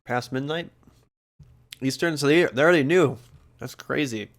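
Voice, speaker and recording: A man's voice: medium pitch, normal speed. A man hosting a stream, chatting casually with plenty of fillers and false starts as he reacts to old debates. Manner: rambling, lots of fillers and restarts. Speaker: streamer host.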